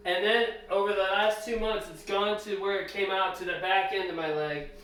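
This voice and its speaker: Vlogging from a room in his house, a man explains things step by step in plain, casual speech. His voice sits high with fairly even intonation at normal speed, and the room is echoey with a noisy background.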